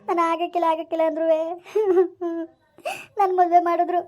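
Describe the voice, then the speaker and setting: A woman's voice: very high voice, little pitch movement, fairly quick, highs cut off. A woman playing a wronged young village wife, pleading and tearful in a family drama. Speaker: daughter-in-law Sunita in a family skit.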